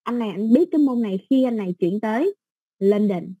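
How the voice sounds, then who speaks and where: A woman with a Southern Vietnamese accent, teaching an exam-prep English lesson in a patient, step-by-step way with soft fillers. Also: a little high, lively intonation, a little fast, breathy edge, no echo.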